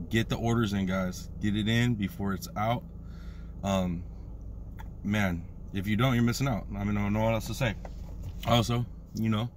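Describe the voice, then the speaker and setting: An American man in his thirties talking with a lip full of dip in a casual, slangy review vlog, drawing out hyped catchphrases. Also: on the low side. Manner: slangy, drawn-out hype catchphrases. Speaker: product reviewer. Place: inside a parked car. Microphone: phone at arm's length. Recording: noticeable background noise inside a car.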